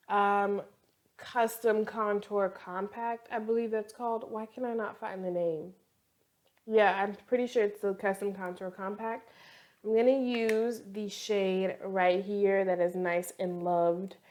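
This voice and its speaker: A woman talks through a makeup tutorial in a loose, chatty way, her voice hoarse from a cold. She rambles from one aside to the next with a playful, talkative manner, at an ordinary middle pitch for a woman. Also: darkish tone. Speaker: beauty vlogger.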